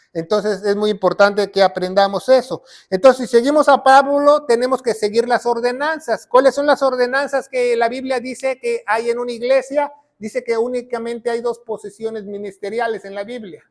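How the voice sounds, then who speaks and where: A man preaching a teaching sermon in a notably high voice. He drives his points home by repeating phrases and keeps checking in with his listeners as he teaches from a whiteboard. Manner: emphatic, repeats key phrases, frequent "¿va?" check-ins. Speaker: pastor and Bible teacher.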